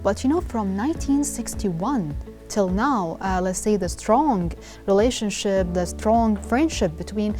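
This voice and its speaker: Mellow-voiced woman hosting an interview. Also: medium pitch, lively intonation, measured pace, hardly any pauses, faint music behind. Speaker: television talk show host.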